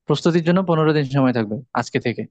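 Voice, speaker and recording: A man's voice: medium pitch, fast, darkish tone, dry recording, muffled recording. Patient man teaching an online class. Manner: patient, explains step by step with hesitations. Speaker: course teacher.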